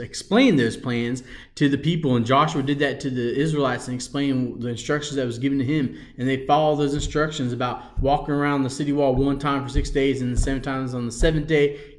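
An earnest man teaches a children's Bible lesson, then prays with a steady "Lord" woven through. His voice sits mid-range, with fillers and small restarts that keep the delivery plain. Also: mid-range voice. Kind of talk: Bible story lesson and prayer.

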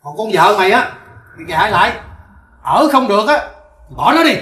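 Brief: bossy Southern Vietnamese father-in-law, high-pitched, scolding, roomy distant recording. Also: fairly quick, pushed and bright. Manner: scolding, commanding. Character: angry domineering rural father-in-law, older man.

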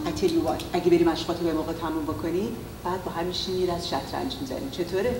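A woman playing a short-tempered mother in an acted parenting skit, shouting harsh commands at her daughter. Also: lowish voice, steady tone, recorded from a distance, natural voice. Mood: gentle, coaxing. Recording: roomy echo, long reverb, faint noise.

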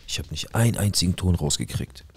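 A man's voice: deep voice, expressive, a little fast, creaky, husky, soft background music. A man telling a dramatic first-person life story, acting out the dialogue as he goes.

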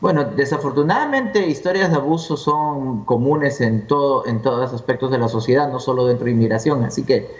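A man's voice: mid-range voice, a little fast, hardly any pauses. A man in a mid-range voice explains things step by step as an interview guest. He sounds set back from the mic in a roomy space. The recording is muffled and dull. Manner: explanatory, lays out points one by one. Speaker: immigration lawyer, interview guest. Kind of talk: conversational interview. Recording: distant, echoey and dull.

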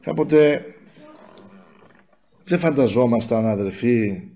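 A man's voice: medium pitch, expressive, mellow. A man preaching a sermon in a church community, telling a personal testimony and often calling to his listeners as brothers and sisters.

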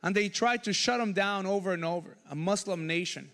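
A man's voice: high voice, brisk. Passionate male pastor preaching in a hall. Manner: passionate, preaching with sudden loud and soft swings. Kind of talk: sermon. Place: church sanctuary. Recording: church hall reverb with soft music behind.

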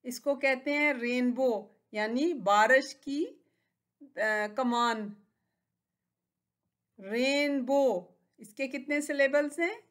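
Slow, high-voiced Pakistani woman teacher. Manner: slow, stretched-out word modelling for children; gently encouraging. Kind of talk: recorded school lesson.

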